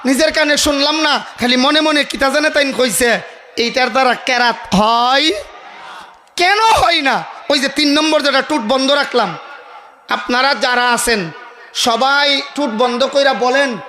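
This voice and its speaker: High bright preacher guy shouting his sermon, faint hiss behind. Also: measured pace. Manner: loud, emphatic, calls on the audience to answer.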